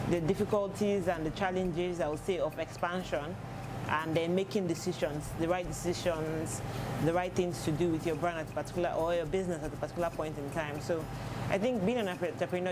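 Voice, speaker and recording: A young Nigerian man who works as a fashion designer, giving thoughtful, measured interview answers with frequent pauses. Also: fairly high pitch. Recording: noisy outdoor urban recording. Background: street and vehicle noise.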